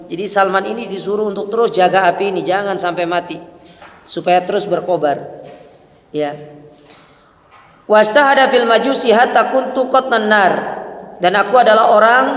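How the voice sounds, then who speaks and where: A man with a high voice gives a religious study lecture. He reads Arabic lines aloud, then explains them in everyday speech, often adding "ya". His voice rings with a long echo, as if he is speaking in a hall. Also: fairly bright tone. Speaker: Islamic preacher. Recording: echoey hall.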